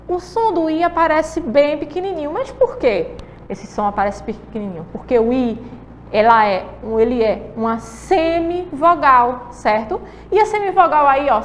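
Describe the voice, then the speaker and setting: A woman's voice: high voice, in a large hall, a little hiss or hum. A woman teacher with a Brazilian Portuguese accent, giving a patient lesson to children and often checking that they follow. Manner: patient, drawn-out explaining with frequent checking questions.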